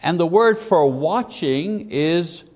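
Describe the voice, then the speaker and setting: A man giving an informal Bible lesson, unhurried, often checking with listeners and filling pauses with "uh". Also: a little high, expressive. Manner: unhurried, asks listeners "okay?", fills gaps with "uh". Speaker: Bible teacher. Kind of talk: informal classroom lecture. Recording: long hall reverb.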